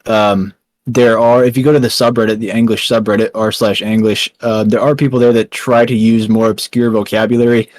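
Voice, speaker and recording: A young Texan man, founder and writer of a small news site, answers interview questions with lots of ums and restarts. His voice is on the low side and darkish, with a level tone and a slightly fast pace, and there's no room sound at all.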